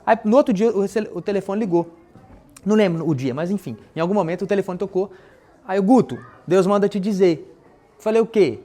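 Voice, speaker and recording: A man preaching at a brisk, rushing pace, his voice sitting a little high for a man. He tells personal testimonies like a storyteller, acting out remembered conversations in relaxed everyday slang. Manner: lively storytelling that acts out remembered dialogue in casual slang.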